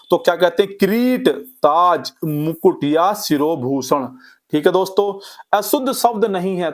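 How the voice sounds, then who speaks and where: A man teaching an exam revision class. He asks the class questions, answers them himself, and repeats key points over and over. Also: high-pitched. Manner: lively, repetitive drilling of key points. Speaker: Hindi exam-prep teacher.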